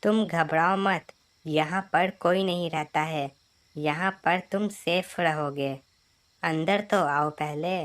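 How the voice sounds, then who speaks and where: A woman voicing a kind, caring young bird in a children's cartoon, gentle and reassuring. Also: sits low, steady tone, slow. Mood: soothing. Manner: gentle, reassuring, stammers when nervous.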